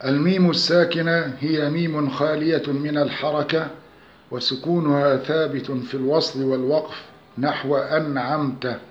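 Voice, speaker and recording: A man giving a scripted recitation lesson, explaining rules in a measured, steady delivery. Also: a little hiss or hum. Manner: measured, slows to recite examples with nasal humming. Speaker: tajweed teacher. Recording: echoey dull low-fi room recording.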